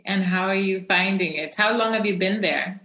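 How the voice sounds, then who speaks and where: A woman's voice: mid-range voice, moderate pace, bright, forceful tone. A woman hosting a podcast, giving a cheerful, welcoming introduction and then asking a guest questions. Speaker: podcast host. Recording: echoey room.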